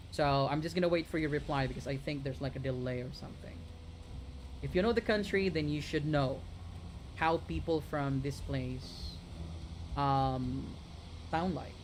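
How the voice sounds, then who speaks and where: A streamer from the Philippines talks casually to a live chat at a middle pitch. The delivery rambles, doubles back on itself and addresses viewers directly, with a faint noise underneath. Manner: chatty, rambling with many restarts, talks straight to viewers. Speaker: gaming streamer.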